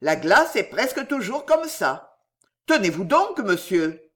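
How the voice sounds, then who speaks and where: A woman's voice: mid-range voice, sing-song, slow pace. A woman doing a wry, cheeky young manservant. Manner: encouraging, wry.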